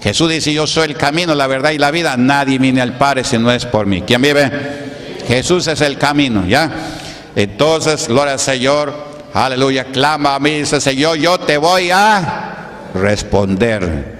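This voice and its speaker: A Pentecostal pastor, preaching a sermon and peppering it with rhetorical questions to the congregation. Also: male voice, medium pitch, steady tone, moderate pace, a bit bright, slight background noise. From Peru. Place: church hall. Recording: echoey church hall.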